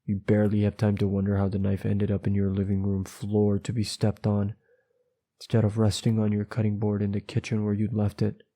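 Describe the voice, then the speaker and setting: A man reading a second-person horror story aloud, quickly and with stumbles and nervous asides to his viewers. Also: lowish voice, completely flat delivery, dark tone.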